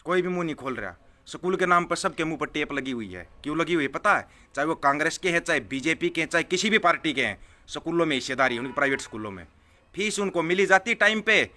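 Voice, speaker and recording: This is a man ranting live about politics, his voice on the high side, bright and forceful. He responds to viewer comments with scorn and heat, repeating phrases again and again to press his points.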